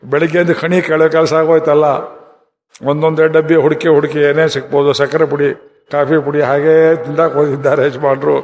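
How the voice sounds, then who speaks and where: Male devotional speaker in an echoey hall. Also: fairly high pitch. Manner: chants verses, asks the audience questions. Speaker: religious discourse speaker. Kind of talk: devotional storytelling discourse. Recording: reverberant hall.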